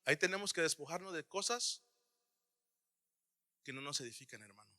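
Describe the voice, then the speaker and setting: A man preaching a sermon to his congregation, often calling them brother and swinging between loud cries and hushed asides. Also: a little high, animated, moderate pace, big-room sound. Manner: addresses listeners as "hermano", swings from loud to hushed.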